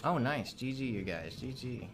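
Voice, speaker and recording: A man's voice: medium pitch, animated, normal speed, soft background music. A man co-hosting a gaming livestream, chatting casually and greeting viewers by name, often tripping over how to say them. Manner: upbeat, greets chat by name, stumbles on names. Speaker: streamer co-host.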